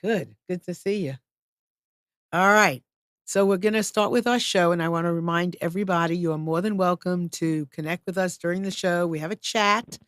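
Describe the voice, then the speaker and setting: A woman's voice: fairly low pitch, moderate pace, a bit bright, no echo. A woman hosting a live studio talk show, upbeat, chatty and welcoming. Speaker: show host.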